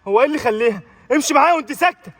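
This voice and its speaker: Egyptian man in a homemade skit: man playing an anxious father, fast and insistent. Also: very high voice, lively intonation, fairly bright tone. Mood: alarmed. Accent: Egyptian Arabic. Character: worried middle-aged father. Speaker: amateur sketch actor. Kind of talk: homemade comedy-drama acting.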